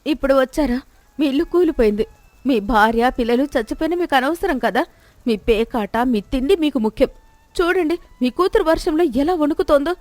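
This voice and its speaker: A woman's voice: sits high, moderate pace, long pauses, darkish tone, no echo, pitched above the performer's own voice, lightly acted. A woman voicing a young village wife and mother who scolds her husband. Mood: reproachful. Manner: bitter, reproachful.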